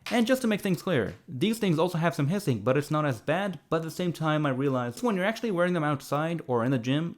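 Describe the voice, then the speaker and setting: A man hosting his own channel, giving a casual, chatty, upbeat product review. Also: a little high. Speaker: tech reviewer, channel host.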